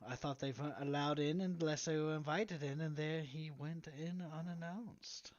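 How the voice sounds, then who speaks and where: A man talking in casual tabletop role-play, rambling and dropping into quiet asides. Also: fairly high pitch, fairly even intonation, normal speed. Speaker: player. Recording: slightly muffled with faint hiss.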